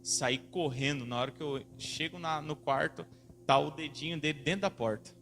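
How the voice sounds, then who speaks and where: A man's voice: on the high side, moderate pace, over music. A man, a pastor in his thirties, preaching a sermon, telling family stories and asking the congregation to answer back. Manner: storytelling with acted-out family voices.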